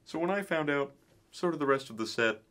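A man plays a washed-up star frog in a parody interview, voice bright and wildly swinging in pitch. He is theatrical, volatile and full of wounded self-pity. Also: expressive, brisk, slight background noise. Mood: bitter, confiding. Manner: theatrical, aggrieved. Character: bitter washed-up male celebrity frog, volatile and self-pitying. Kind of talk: mock documentary interview.

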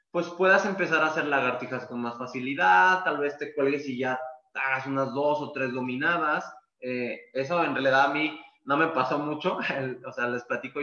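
A man's voice: medium pitch, pushed and bright. Guy teaching calisthenics, rambly, lots of pues, echoey dull room sound. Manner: casual, repeats words, fills with "pues". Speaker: calisthenics coach. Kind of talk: masterclass explanation.

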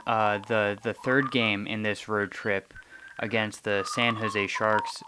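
A man's voice: medium pitch, background noise. A young man hosting a podcast, chatting casually about hockey, often repeating words while he thinks. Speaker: podcast host. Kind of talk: casual sports chat.

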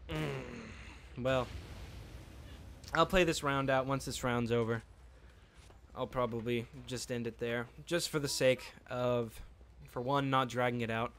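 A man's voice: mid-range voice, fairly even intonation, measured pace, fairly bright tone, a little hiss or hum. Rambling male gameplay commentator. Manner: rambling, joking, talks to himself mid-game. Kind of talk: casual let's-play commentary.

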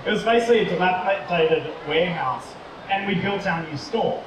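At a shopping mall expo, a toy company co-founder with a high-sitting voice chats through stories at a fairly quick pace. The casual live talk is captured by a distant mic, so the hall echoes and crowd noise comes through.

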